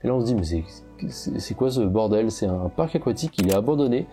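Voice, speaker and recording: Chatty French man with a dark voice. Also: on the low side, lively intonation, quick pace, soft background music. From France. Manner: chatty, many fillers and restarts. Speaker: travel photographer vlogger. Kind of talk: casual travel storytelling.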